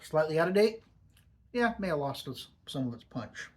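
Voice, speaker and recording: A man's voice: a little high, sing-song, moderate pace, slight background noise. A man giving a casual, off-the-cuff product review with a lip full of dip pouches, savouring and stressing his words as he goes.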